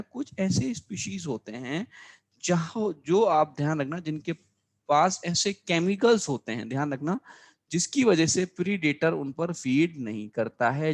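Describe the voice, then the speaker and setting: A man teaching a biology lesson for exam preparation, going over his class notes, repeating key terms and asking students if it is clear. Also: on the high side. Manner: addresses students as children, frequent reminders to remember.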